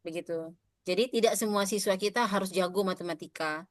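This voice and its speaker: An Indonesian-accented woman gives an interactive lecture to teachers, talking a little fast at medium pitch. She's chatty, often addresses the audience, asks questions, and uses frequent fillers, with a dry sound and no room echo.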